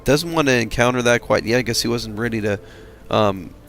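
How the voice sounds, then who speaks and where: A man giving casual commentary on a strategy game replay, tired and halting, with many fillers. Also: mid-range voice, fairly bright tone. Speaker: game caster.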